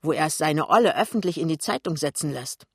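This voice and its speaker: A man's voice: on the high side, expressive, fairly quick, fairly bright tone, breathy edge, no room sound, clean studio sound, exaggerated voice. A man voicing a spiteful male shop clerk who mocks and provokes a colleague. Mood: needling. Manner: mocking, provoking.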